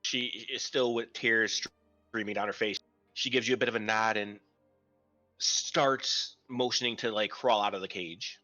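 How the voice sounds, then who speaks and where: Bright-voiced game master, muffled audio. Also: male voice, on the low side, fairly even intonation, normal speed, faint music behind. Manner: hesitant narration with many ums and restarts. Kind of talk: narrating a tabletop game online.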